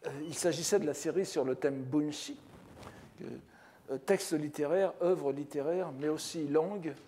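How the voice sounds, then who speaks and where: Older male professor, mellow measured lecture. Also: a little high, a little hiss or hum. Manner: measured, scholarly, with frequent restarts and "n'est-ce pas". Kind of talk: academic lecture. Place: lecture hall.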